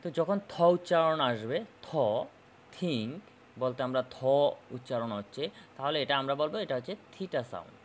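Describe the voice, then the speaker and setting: A man teaching a phonetics lesson, slowly repeating and demonstrating sounds and often checking "okay?". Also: medium pitch, expressive, a little hiss or hum.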